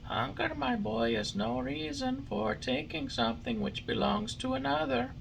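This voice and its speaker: A man doing a soft, high-voiced little glowworm lady. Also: creaky, noisy background, heavily acted. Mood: gently scolding. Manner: soft, slow, lecturing. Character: small, gentle, pitying female glowworm.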